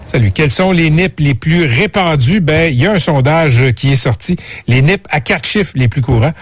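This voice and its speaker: A man's voice: on the high side, lively intonation, normal speed, slightly rough, no room sound. A man with a Quebec French accent hosting live radio in a casual, conversational style. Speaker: radio host.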